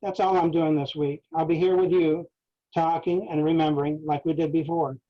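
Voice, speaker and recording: A man's voice: fairly high pitch, level tone, moderate pace, close to an everyday voice. A man reading the lines of a patient interviewer who reassures an older man. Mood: reassuring. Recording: dull lo-fi recording.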